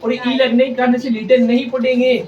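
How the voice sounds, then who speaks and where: A man's voice: very high-pitched, level tone, fairly quick, a little mellow, slight background noise. A man teaching English reading to children in a classroom, patiently repeating questions and drilling letter sounds. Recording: echoey room, distant mic, slightly dull.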